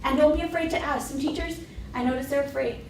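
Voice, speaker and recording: A woman with a somewhat high voice speaks on a conference panel in a lively, storytelling way, slipping into the voices of the people she quotes. She sounds set back from the microphone. The room is echoey, with faint noise behind her. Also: quick pace. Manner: animated, acts out past dialogue in quotes. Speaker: new teacher panelist. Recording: echoey room, mic at a distance.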